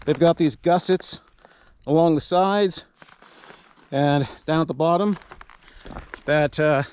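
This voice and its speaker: An American man hosting a casual outdoor vlog, speaking through a face mask in a halting, rambling way. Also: on the high side, a little mellow, smooth. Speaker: outdoor video host. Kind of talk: casual vlog talk to camera. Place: outdoors at a mountain trailhead. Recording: noisy outdoor camera audio.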